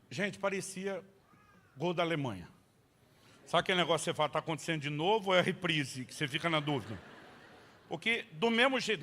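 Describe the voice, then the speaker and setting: Bright, high-voiced comic preacher man. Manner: animated, bursts into loud shouts at punchlines. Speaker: pastor. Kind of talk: humorous sermon storytelling.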